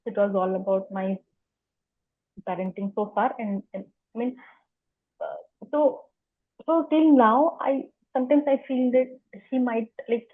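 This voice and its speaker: An Indian woman who stammers answers questions in a conversational interview as a guest, repeating words and sounds. Her voice is fairly high-pitched, and the audio sounds like a phone line.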